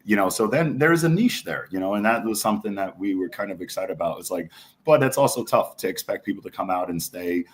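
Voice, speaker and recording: A New York City bar owner, appearing as a podcast guest, chats casually in a low, expressive voice and talks fast. Enthusiastic and rambling, he tells anecdotes and says "you know" a lot.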